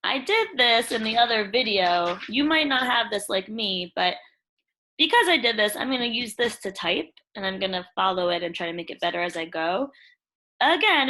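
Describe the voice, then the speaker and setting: Over poor audio, a woman with a sharp, medium-pitched voice teaches elementary pupils through a screen-share tutorial. Her instruction is informal and step by step, and she refers to the kids as "you guys."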